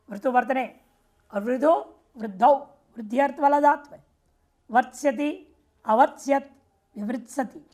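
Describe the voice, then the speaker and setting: Woman grammar teacher, high voice, patient step-by-step lecturing, rhetorical questions to the class. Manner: explains step by step, asks rhetorical check questions. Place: ashram teaching room.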